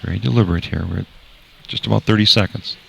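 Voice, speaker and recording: A man with a Wisconsin accent calls a live sporting event in a relaxed, explaining way, pausing often to find his words. His voice sits very low and has a gravelly edge. Clear background noise runs under the broadcast. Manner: relaxed, explanatory, frequent hesitations. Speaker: commentator. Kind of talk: sports commentary. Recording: noisy broadcast feed.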